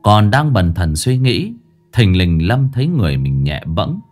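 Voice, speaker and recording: A man narrating a ghost story in an expressive, dramatic way. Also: fairly low pitch, unhurried, soft background music.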